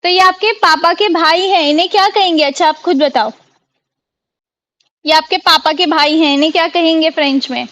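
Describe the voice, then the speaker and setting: Indian woman, online tutor, very high voice, dry sound, quizzing and repeating. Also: moderate pace, a bit bright, no echo. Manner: quizzing students, repeating words. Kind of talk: live online class teaching. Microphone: video call.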